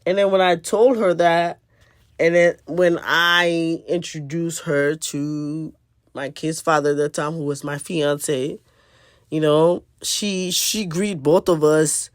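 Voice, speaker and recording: A woman's voice: low-pitched, steady tone, slow, no room sound, clean studio sound. A woman telling a personal spiritual testimony in an earnest, conversational way, repeating phrases for emphasis. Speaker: spiritual video host.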